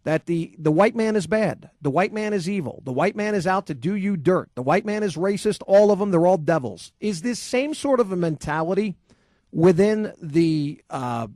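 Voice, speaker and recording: A man's voice: high voice, lively intonation, normal speed, darkish tone, no echo, clean studio sound. A man hosting a sports talk radio show, ranting in a combative, sarcastic, emphatic way and then taking calls. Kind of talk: opinionated talk radio rant. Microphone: studio microphone.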